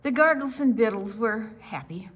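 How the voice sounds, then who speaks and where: In an animated voice on the high side with a breathy edge, a woman hosts storytime for children. She reads a picture book with theatrical, deliberate phrasing meant to draw young listeners in.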